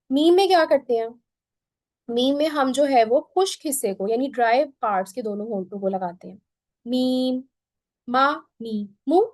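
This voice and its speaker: A woman teaching Quran pronunciation in an online lesson, patiently drilling each sound by repeating it slowly. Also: sits high, a little mellow, dry recording.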